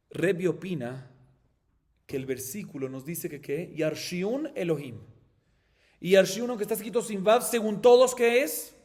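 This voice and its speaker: Colombian Spanish male rabbi, higher voice, explains step by step with rhetorical questions; reverberant hall sound. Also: darkish tone. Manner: explains step by step, asks and answers his own questions. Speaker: rabbi teaching Talmud. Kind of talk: Talmud class.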